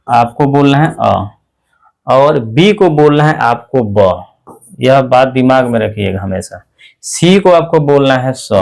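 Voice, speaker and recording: A man's voice: mid-range voice, vocal fry, darkish tone. A man teaching a lesson, explaining letter by letter and asking rhetorical questions. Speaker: English teacher. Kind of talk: classroom-style spoken lesson.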